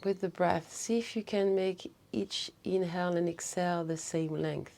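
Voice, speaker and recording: A woman instructor leading a guided breathing practice in short, soothing, unhurried phrases. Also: fairly low pitch, fairly even intonation, gravelly, darkish tone.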